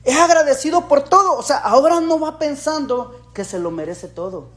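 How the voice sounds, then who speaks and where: Casting: male pastor, high voice, lively sermon full of rhetorical questions. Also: moderate pace. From El Salvador. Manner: animated, rhetorical questions, jokey asides.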